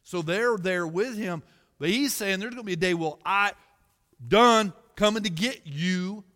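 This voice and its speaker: A man preaching a sermon to his church, reading scripture loudly and then dropping to quiet, personal musing. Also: high-pitched, unhurried, big-room sound. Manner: animated, swings between loud scripture reading and quiet musing. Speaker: pastor. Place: church sanctuary.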